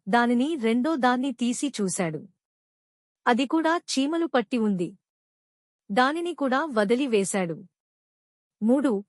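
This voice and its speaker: Woman storyteller, fairly high voice, dry close recording, calm and even. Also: no room sound. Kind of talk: scripted children's story narration.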